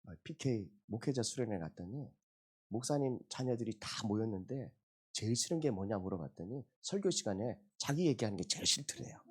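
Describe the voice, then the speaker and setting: A middle-aged pastor delivers a Sunday sermon in a church sanctuary, his husky voice swinging widely up and down. He tells family stories with humor and lively emphasis. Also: fairly low pitch, a little fast. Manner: animated storytelling with personal anecdotes and humor.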